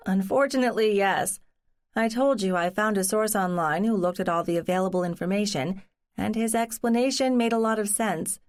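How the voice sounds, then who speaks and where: A woman's voice: medium pitch, a little fast, close to an everyday voice. A woman, a cozy mystery narrator, voicing an earnest, wry, determined woman in conversational, explanatory audiobook dialogue.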